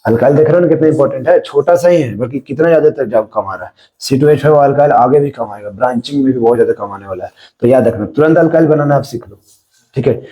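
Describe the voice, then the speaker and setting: Mellow-voiced Indian man teaching chemistry. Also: mid-range voice, quick pace, low-quality recording. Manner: explains step by step, often checking "है ना?". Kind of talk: classroom-style lecture.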